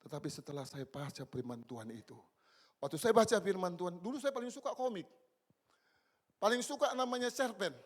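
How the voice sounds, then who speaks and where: A man in his sixties preaching a church sermon, swinging between loud exclamations and low, quiet asides. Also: animated, a little fast. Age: 60s. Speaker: pastor. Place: church service.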